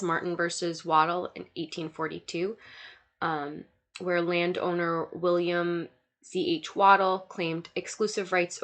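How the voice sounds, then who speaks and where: This recorded slide lecture comes from a young woman, a student lecturer, whose fairly low voice is congested and nasal because she's ill. She steadily works her way through lists of points, with little fillers linking them.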